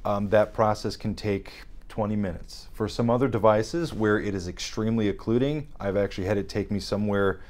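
A hearing scientist in his thirties, a guest on a dark studio set with armchairs, explains technical procedures step by step in a somewhat low, darkish, steady voice. His delivery is measured and explanatory, with occasional restarts, and he's picked up by an off-camera mic.

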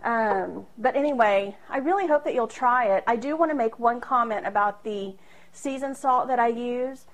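A woman in her thirties, her voice a little high and her pace moderate, gives a casual cooking demonstration in her small home kitchen. She's chatty, laughs at herself, and leans on fillers. The camera recording from across the room has poor audio.

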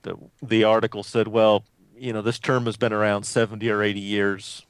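A man's voice: lowish voice, level tone, a little fast, smooth, no room sound. A man co-hosting a book podcast, explaining news hesitantly with frequent restarts. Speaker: podcast co-host. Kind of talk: casual chat.

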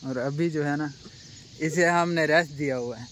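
A man's voice: a little high, normal speed, a bit bright, a little hiss or hum. A young man from Pakistan vlogging a casual walking tour of a cattle farm, guiding viewers and asking the workers questions. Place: outdoor rural cattle farm.

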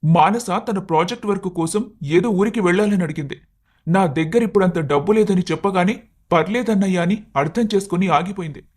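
A fairly high male voice for a cartoon young husband, played by a man, patient but hurt. He reasons and pleads with his wife in an earnest, strained tone. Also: fairly quick, a little mellow. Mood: pleading. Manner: pleading, reasoning, sometimes angry. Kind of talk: animated cartoon story voice acting.

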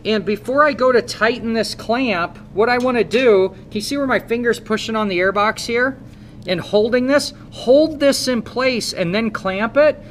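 This motorcycle technician instructor, a man in his thirties from the American Midwest, teaches repair by doing it, firing questions at his students in a coaching manner. He speaks at normal speed in a very high-pitched voice, with a little hiss or hum on the recording.

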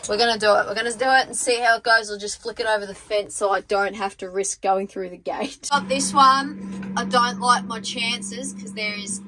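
Filming herself at arm's length on a phone in her car, on a tractor, and across the paddocks, a young Australian woman in her twenties chats casually about farm work, wry and blunt, with free swearing. Her fairly high voice sounds pushed and bright, with fairly even intonation and a moderate pace. The audio is poor, with a little hiss or hum.

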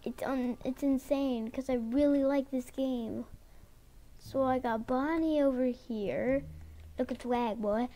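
A woman's voice: high-pitched, slow pace, warm tone. A woman chatting casually while playing a video game, breaking into silly made-up rhymes and sound words. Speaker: gameplay channel host. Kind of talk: casual gameplay commentary.

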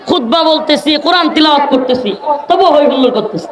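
A man's voice: extremely high pitch, lively intonation. A man preaching to a large gathering from a stage, scolding and pleading with the crowd to settle and chanting scripture. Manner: scolding and pleading with a noisy crowd, stern warnings; chants scripture slowly in a sung tone. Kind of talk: outdoor religious sermon to a crowd. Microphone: microphone through loudspeakers. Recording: echoey PA with crowd noise.

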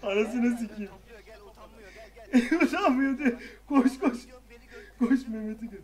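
A young man with a very high voice calls the shots for his party, hammering the same short orders again and again. He swears freely and keeps cracking up with laughter between commands, talking into a headset. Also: takes it slowly. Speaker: raid commander in an online game. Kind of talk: shouting commands over game voice chat.

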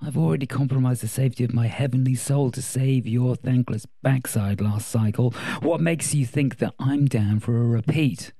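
A man's voice: mid-range voice, normal speed, hardly any pauses, warm tone, no room sound, voice pushed up, lightly acted. A man voicing a languid, vain man who drawls and speaks theatrically. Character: languid, vain, pot-smoking man who calls everyone darling.

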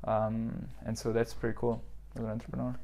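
This man's mid-range, dark voice is completely flat and fairly quick. A twenty-something startup founder from southern Switzerland, he gives reflective podcast interview answers full of fillers and restarts, captured by a lapel mic in a modern office lounge indoors.

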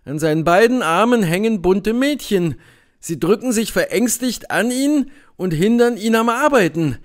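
A man reading a literary story aloud with lively, dramatic storytelling. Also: high voice, moderate pace. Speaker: audiobook reader. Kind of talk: literary narration.

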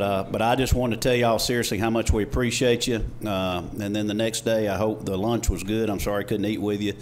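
A middle-aged man with a Southern US accent giving an informal, folksy thank-you speech at a podium microphone, with slightly off R sounds. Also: on the low side. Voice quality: trouble pronouncing R's. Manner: folksy, conversational. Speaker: mayor. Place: indoor council chamber. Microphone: podium gooseneck microphone. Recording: clear background noise, room ambience.

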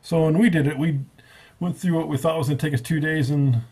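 A man's voice: a little high, steady tone, a little fast, gravelly, a little mellow, slightly rough. A man giving a casual, rambling spoken review at a table, often correcting himself as he goes. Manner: rambling, self-correcting, offhand. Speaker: book reviewer.

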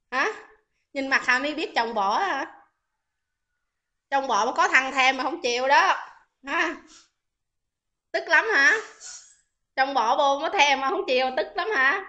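High, bright woman, taunting livestream rant. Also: unhurried, long pauses, highs cut off. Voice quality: scolding, taunting, repeats questions. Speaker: livestream host. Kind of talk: heated livestream arguing with commenters.

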